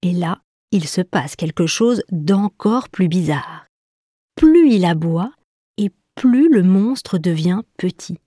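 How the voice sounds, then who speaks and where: Slow, low-voiced woman telling a children's story. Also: expressive, mellow, dry recording, studio quality. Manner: playful, imitates animal sounds with high squeaks.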